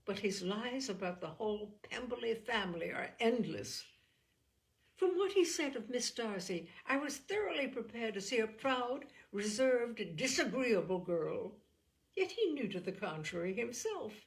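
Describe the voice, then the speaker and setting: Playing a young Regency gentlewoman from a classic novel, a woman speaks candidly and earnestly, quick to take offense, with formal, emphatic phrasing and lively stress. Her voice sits on the high side, she sounds indignant, and the recording is rough.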